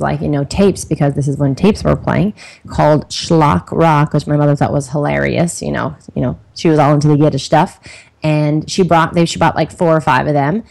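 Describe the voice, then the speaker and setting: A woman's voice: fairly low pitch, vocal fry, darkish tone. Rambling woman hosting a podcast. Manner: rambling, many fillers and restarts. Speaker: podcast host. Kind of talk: casual interview chat.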